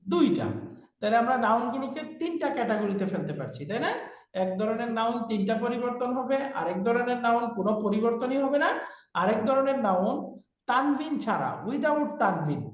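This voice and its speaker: A man's voice: extremely high pitch, expressive, brisk. A man teaching an online class, patiently repeating each term for students to echo. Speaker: Arabic grammar teacher. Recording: very echoey room.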